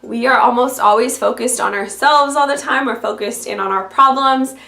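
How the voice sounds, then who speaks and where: A woman with a voice raspy from being sick, talking directly and conversationally as a video blogger giving encouraging faith advice. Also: sits high, moderate pace, bright, forceful tone. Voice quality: raspy from illness. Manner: direct, conversational address to the listener. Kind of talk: scripted-feeling encouraging faith vlog talk to camera. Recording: roomy, echoey sound.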